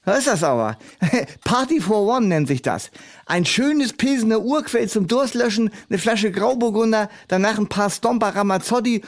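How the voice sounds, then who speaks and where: A man's voice: high voice, animated, moderate pace. A man in a scripted comedy sketch, talking in a smug, scoffing know-it-all way.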